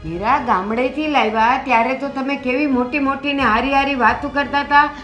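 A woman's voice: sits high, moderate pace, highs cut off, soft background music. An actress playing an elderly village mother, who scolds and complains with rising anger in a film drama. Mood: reproachful. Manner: scolding, aggrieved, rising to shouts. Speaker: mother-in-law.

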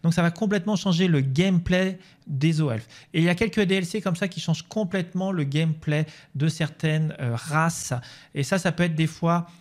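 A man's voice: a little high, moderate pace. A man hosting a gaming video, talking casually over a game map with many fillers and restarts. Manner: chatty, many fillers and restarts, shifting pace.

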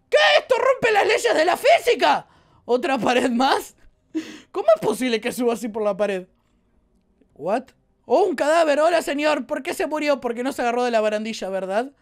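Excitable high-voiced Rioplatense woman gamer. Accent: Rioplatense Spanish. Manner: excitable, exclaiming and joking at the viewers. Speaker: gaming YouTuber. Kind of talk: let's play commentary.

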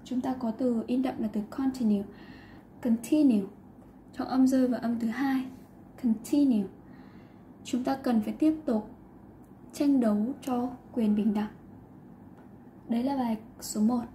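A woman's voice: fairly high pitch, fairly even intonation, normal speed, mellow, a little hiss or hum. A woman teacher explaining an English lesson, patiently mixing English words into her talk.

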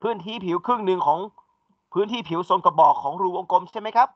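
This man's voice sits high, and he talks fast, with no room sound. He's an engineering lecturer giving a classroom lecture, working through material step by step and quizzing his students, in a dull, dry recording.

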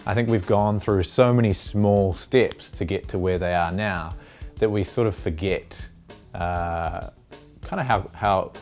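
This young man has a deep, darkish voice. A designer and studio founder, he gives a reflective documentary interview, repeatedly restarting sentences and using the filler "uh," recorded by lapel mic in a large indoor design workshop.

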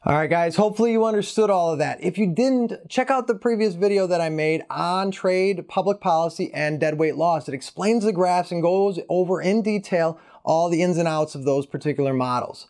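A man's voice: high voice, normal speed, few pauses, a little mellow. A male economics teacher walking through an exam answer, explaining each step methodically and addressing viewers directly. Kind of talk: exam walkthrough lesson.

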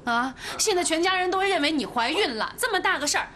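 A sharp sister-in-law. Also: female voice, very high voice, animated, fast talker, a little hiss or hum, heavily acted. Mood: exasperated. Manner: scolding, exasperated. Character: impatient young sister-in-law, blunt and scolding. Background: background music.

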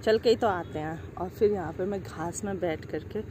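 A woman's voice: fairly low pitch, moderate pace. A middle-aged woman from Uttar Pradesh, India, filming a casual daily vlog on a handheld phone. She is chatty, laughs often, and talks to her family and her pet. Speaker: vlogger. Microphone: handheld phone camera. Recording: roomy phone audio with background noise.

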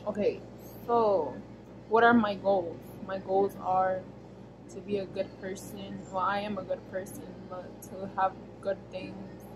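A young woman from the United States talks casually into a camera set close in front of her in a small bedroom. Her delivery wanders, with frequent fillers and quick self-corrections as she answers viewer questions. A steady background noise sits clearly under the voice. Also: mid-range voice. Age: young adult. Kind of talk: casual Q&A vlog. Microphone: camera at arm's length, face framed close.

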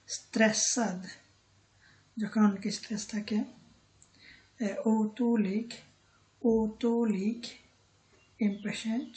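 A woman teaching a vocabulary lesson, repeating each word and pausing often with a filler word. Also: mid-range voice, low-quality recording. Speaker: language teacher.

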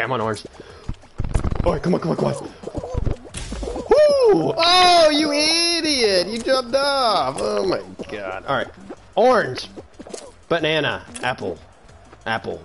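A teenage boy streaming a video game live, excitable and yelling at the game, with game music behind him. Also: fairly low pitch, gravelly, background noise. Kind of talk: live gaming stream commentary.

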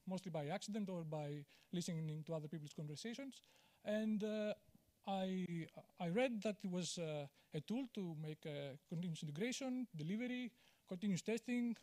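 A man from Greece, high-pitched and a little mellow, talks at a normal speed during a conference talk in a large auditorium. Holding a handheld mic on stage, he stays candid and pokes fun at himself, often using fillers and restarting.

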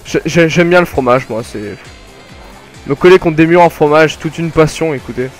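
A young man casually commenting his kart race, joking and rambling with sudden excited outbursts. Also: a little high, moderate pace, faint music behind. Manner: jokey, rambling, self-mocking, bursts of excited yelling. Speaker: gaming commentator. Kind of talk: casual let's play commentary.

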